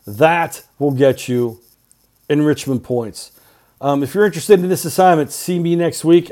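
A man's voice: on the high side, mellow. A middle-aged male teacher recording class announcements for his students' podcast, talking in clipped short phrases with earnest reminders.

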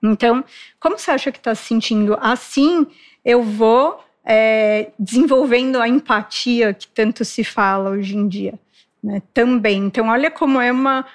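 A woman, a child development specialist, explaining calmly in a podcast conversation and acting out what parents say. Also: fairly high pitch, moderate pace. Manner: explanatory, acts out parents' lines.

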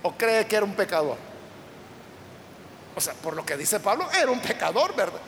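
A man's voice: high voice, very animated, normal speed, fairly bright tone, long reverb tail, a little hiss or hum. A male preacher giving a sermon, telling a story and asking the congregation questions.

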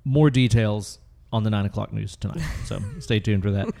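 A man's voice: lowish voice, moderate pace, gravelly, dark tone. A man from the United States, hosting a podcast in casual, sweary comedic banter with a playfully showy manner. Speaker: podcast host.

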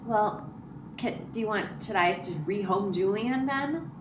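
A woman in her thirties co-hosting a podcast, joking and wisecracking in an animated way. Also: mid-range voice, unhurried. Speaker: podcast co-host. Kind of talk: casual chat. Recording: echoey room, mic at a distance, clear background noise.

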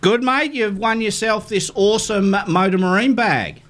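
A man's voice: high voice, lively intonation, normal speed, fairly bright tone. An Australian man hosting a radio show in a casual, chatty live style. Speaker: radio fishing show host. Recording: faint background noise.

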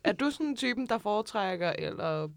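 A woman's voice: medium pitch, expressive, gravelly. A woman co-hosting a frank podcast chat, thoughtful and searching for words as she explains. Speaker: podcast co-host.

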